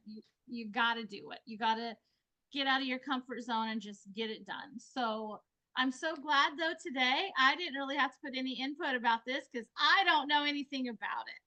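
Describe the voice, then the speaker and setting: A woman's voice: high-pitched, moderate pace, sharp tone, rough recording. A woman hosting a webinar in a casual, chatty way, effusive and informal with the people she addresses. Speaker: webinar host.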